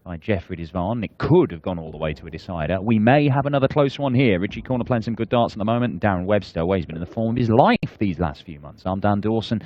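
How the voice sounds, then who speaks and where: A man's voice: fairly low pitch, expressive, fast talker, few pauses, no echo. A man providing live sports commentary as the lead darts commentator. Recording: dull broadcast sound with clear background noise.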